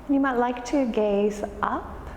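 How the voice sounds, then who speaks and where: A woman yoga instructor guiding a class in a calm, soothing, unhurried way. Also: fairly high pitch. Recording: roomy, reverberant space with faint noise.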